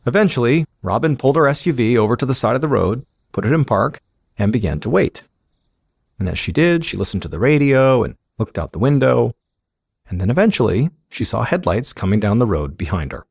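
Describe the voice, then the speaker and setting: A man hosting a podcast, telling a true-crime story in measured, suspenseful scripted narration. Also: mid-range voice, sing-song, vocal fry, darkish tone, husky, no room sound. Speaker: podcast host.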